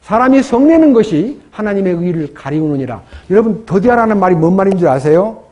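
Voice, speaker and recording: A man's voice: sits high, big pitch swings, fairly quick, muffled recording. A man preaching a sermon as pastor, asking the congregation questions and acting out prayers in his own words. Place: church.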